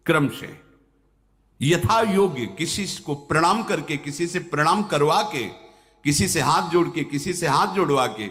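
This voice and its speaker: Male spiritual teacher, calm gentle sermon delivery, slow and deliberate, music underneath. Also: a little high. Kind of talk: devotional sermon with recited scripture verses. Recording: long hall reverb, music behind. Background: background music.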